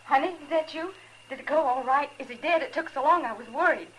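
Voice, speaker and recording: A desperate frontier widow. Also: female voice, high voice, fast talker, fairly bright tone, a little hiss or hum, low-quality recording. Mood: eager. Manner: anxious, pleading. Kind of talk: 1950s radio drama acting.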